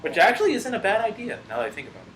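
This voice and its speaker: A man co-hosting a casual gaming podcast, talking things through with lots of restarts and slips of the tongue. His voice sits a little high for a man. It bounces around an echoey room over a faint hiss. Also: sing-song, fairly bright tone. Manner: halting, frequent restarts and slips. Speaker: podcast co-host.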